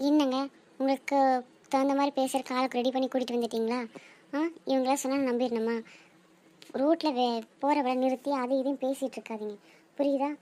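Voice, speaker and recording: A woman's voice: sits high, fairly even intonation, brisk, long pauses, mellow, close to an everyday voice. A young woman acting an exasperated, stubborn bride-to-be who argues back in an audio drama. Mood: indignant. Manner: exasperated, argumentative.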